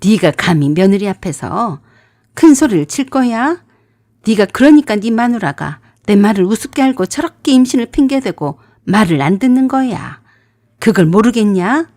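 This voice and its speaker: Woman doing a shouting, scolding mother-in-law. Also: medium pitch, expressive, moderate pace, no echo, studio quality, close to an everyday voice. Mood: furious. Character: harsh scolding middle-aged mother-in-law.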